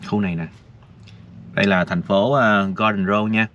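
A man's voice: fairly low pitch, fairly even intonation, normal speed, fairly bright tone. A man vlogger, rambling casually and talking straight to his viewers, filmed outdoors. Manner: chatty, addresses viewers directly, rambling. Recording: dull lo-fi with faint noise.

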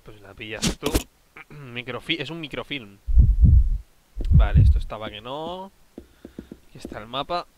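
A man talks through his game as a let's play host, cursing constantly and grumbling to himself. His voice sits at an ordinary mid pitch for a man. Loud background noise with clicking runs under the recording. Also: lively intonation, unhurried, pauses often. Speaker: gaming channel host.

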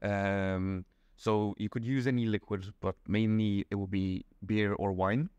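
Young Belgian man, guest; lowish voice, dry close sound, patient and methodical, filler-heavy explanations. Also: fairly even intonation, measured pace, a little mellow, clean tone, no echo, highs cut off. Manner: patient, explains step by step with many ums. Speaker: interview guest. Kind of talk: casual explanatory chat. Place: small indoor room.

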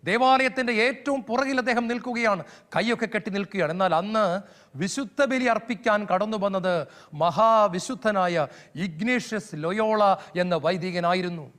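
A high-pitched male preacher delivers a fervent sermon in a steady cadence, stacking phrase after phrase. His voice rings through a hall with a long, trailing reverb. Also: brisk.

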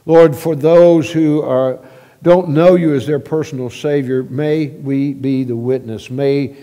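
A man leading a church prayer at a pulpit microphone, halting with repeated words and swelling louder as he prays. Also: mid-range voice, fairly even intonation. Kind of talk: spoken church prayer and announcements. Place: church sanctuary. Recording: long reverb of a church sanctuary.

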